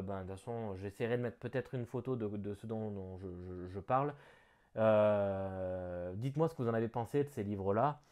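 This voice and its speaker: A man doing casual unboxing commentary on a gift. He thinks aloud, talks chattily and breaks into bursts of excitement. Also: lowish voice. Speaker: board game unboxing vlogger.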